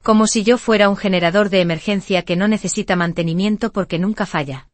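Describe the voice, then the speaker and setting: A woman narrating a first-person dramatic story in an even, steady storytelling manner. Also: mid-range voice, fast talker, no echo.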